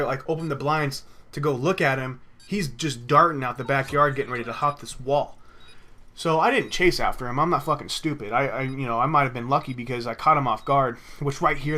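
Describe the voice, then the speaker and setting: With a medium-pitched voice that sounds pushed and bright, a young man tells a rambling personal story as he plays. He swears a lot and keeps backing up to restart, in the style of casual gaming commentary.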